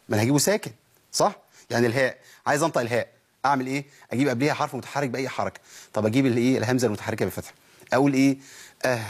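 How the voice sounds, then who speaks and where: A man with an Egyptian Arabic accent teaching Quran recitation rules in a lesson. He keeps asking questions and answering them himself, and he says sounds out loud to show how they work. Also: on the high side, breathy edge. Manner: asks rhetorical questions and answers them, demonstrating sounds aloud.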